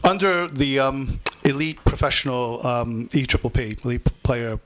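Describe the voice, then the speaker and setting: A man who is a club chief executive, answering supporters' questions at a fans forum in a brisk, reassuring way with quick restarts. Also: mid-range voice. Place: club function room.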